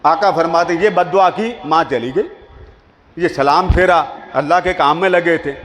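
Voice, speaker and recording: A preacher with a high, slightly bright voice delivers a sermon in a storytelling manner to a seated crowd. He speaks in a large hall full of listeners, and the recording carries that space's long reverb.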